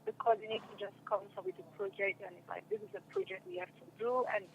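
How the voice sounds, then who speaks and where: This is a fast-talking young woman with a gravelly, sing-song, mid-range voice. She's a stage and radio drama actress answering interview questions in a relaxed way, often repeating phrases to stress them. The recording is rough, and background noise is noticeable.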